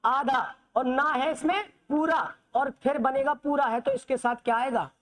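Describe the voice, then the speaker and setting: A woman's voice: high-pitched, fairly even intonation, moderate pace. A woman teaching the Hindi alphabet in a classroom lesson, asking questions and answering them herself, often checking that students understand.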